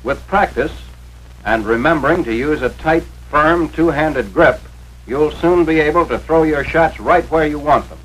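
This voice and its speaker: Slightly rough and a bit bright, this American man's voice sits on the high side and moves at normal speed. He narrates a 1940s instructional film from a script, authoritative and carefully enunciated, teaching step by step. The noisy soundtrack sounds radio-like.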